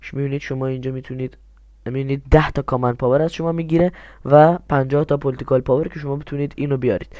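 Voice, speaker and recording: A man's voice: mid-range voice, fairly even intonation, warm tone, no echo, studio quality. A young man walking viewers through a strategy game step by step, asking himself questions and then answering them. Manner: explains step by step, asks and answers his own questions. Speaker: game tutorial host. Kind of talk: screen-recorded game tutorial.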